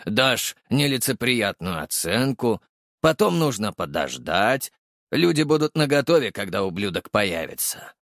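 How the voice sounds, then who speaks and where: A man's voice: fairly low pitch, big pitch swings, measured pace, fairly bright tone, no echo, full character voice. A male audiobook reader voicing a wry, jaded middle-aged police captain who talks in a dry, knowing, matter-of-fact way. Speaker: audiobook narrator voicing a character.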